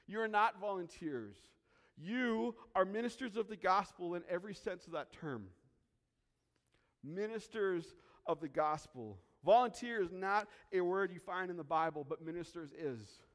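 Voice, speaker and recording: A pastor preaching in a church sanctuary, his fairly high man's voice carrying with a long reverberant tail. He speaks earnestly and with emphasis, circling back to key phrases to drive them home. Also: lively intonation, normal speed, fairly bright tone. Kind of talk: sermon.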